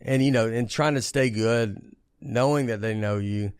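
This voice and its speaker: A stand-up comedian chatting on a podcast in a rambling way, with many halting restarts. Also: male voice, mid-range voice, clean tone, no room sound, clean studio sound. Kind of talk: casual podcast chat.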